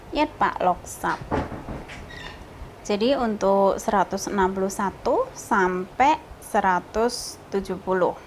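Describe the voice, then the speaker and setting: A woman giving a casual spoken lesson, slowly repeating example words in a lifted voice. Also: medium pitch, a little mellow, a little hiss or hum, rough recording. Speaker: language teacher.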